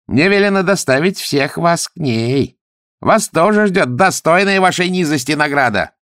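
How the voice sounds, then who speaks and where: A man voicing a vain young horseman villain, shouting loud mocking taunts. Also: on the high side, lively intonation, moderate pace, no echo, studio quality, voice pushed up. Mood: gloating.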